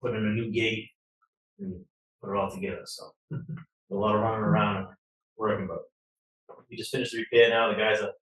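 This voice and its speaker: A man's voice: lowish voice, flat delivery, a little fast, long pauses, a bit bright. A man from the water department giving a plain-spoken, practical update at a public meeting. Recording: echoey meeting room, mic far off.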